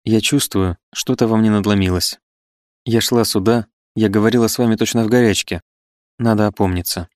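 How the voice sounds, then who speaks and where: A man's voice: fairly low pitch, fairly even intonation, brisk, no echo, clean studio sound, natural voice. A man voicing a proud, wounded eighteen-year-old woman who speaks with impassioned reproach. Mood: reproachful. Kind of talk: audiobook character reading.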